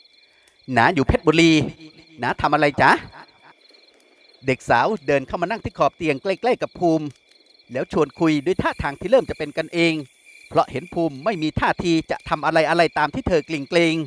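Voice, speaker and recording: A man narrating a Thai war-thriller novel in a steady storytelling manner. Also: on the high side, fast. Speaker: audiobook narrator.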